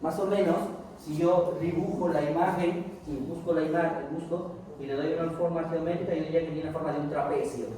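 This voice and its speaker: Animated male lecturer in an echoey room. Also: on the high side, a little fast. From Peru. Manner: animated, asks and answers his own questions. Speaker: medical lecturer. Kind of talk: recorded medical lecture. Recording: echoey room, distant mic, faint noise.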